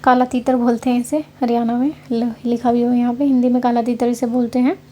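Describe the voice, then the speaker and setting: Haryana woman doing a chatty exam prep lecture, high voice, soft and mellow. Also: level tone, brisk, a little hiss or hum. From Haryana, India. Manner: conversational, checks in often with filler words. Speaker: online exam-prep teacher. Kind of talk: casual lecture over slides.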